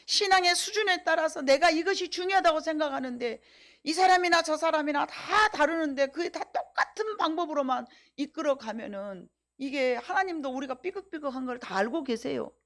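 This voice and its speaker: Woman pastor, middle-aged, high voice, emphatic sermon delivery with rhetorical questions. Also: a little fast, a bit bright.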